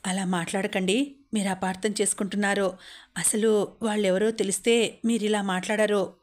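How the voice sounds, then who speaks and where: A woman's voice: medium pitch, flat delivery, moderate pace, natural voice. A woman voicing a caring, apologetic young wife who talks in a soothing, pleading way.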